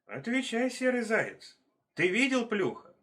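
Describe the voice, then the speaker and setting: A man's voice: medium pitch, lively intonation, measured pace, natural voice. A man doing a bold commanding snow leopard. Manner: commanding, questioning.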